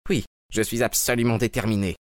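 A man's voice: lowish voice, steady tone, fairly quick, no room sound, clean studio sound, close to an everyday voice. A man voicing an agitated, determined husband who speaks in tense, urgent murmurs.

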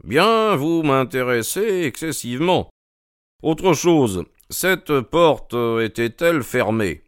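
A man voicing a keen, precise male detective in an audiobook, raising his voice into quick, probing questions. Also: medium pitch, clear, resonant tone, no echo, studio quality, voice pushed up. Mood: inquisitive. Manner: quick, questioning, excited interjections. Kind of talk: audiobook character reading.

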